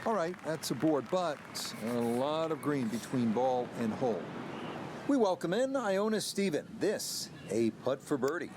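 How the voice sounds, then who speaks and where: A man giving measured, understated golf play-by-play commentary. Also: a little high, big pitch swings, noisy background. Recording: loud music and crowd ambience behind. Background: music, crowd and outdoor ambience.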